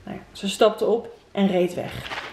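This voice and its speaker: A woman's voice: mid-range voice, fairly even intonation, unhurried, darkish tone, reverberant, slight background noise. A Dutch woman vlogger reading an old story aloud at home, with chatty, giggly asides. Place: room at home.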